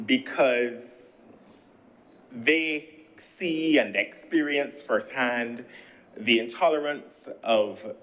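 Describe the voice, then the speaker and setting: A Barbadian senator in his thirties gives a formal speech in a legislative chamber, often addressing the chair in his Barbadian accent. His voice is medium-pitched and fairly bright, and the recording is rough.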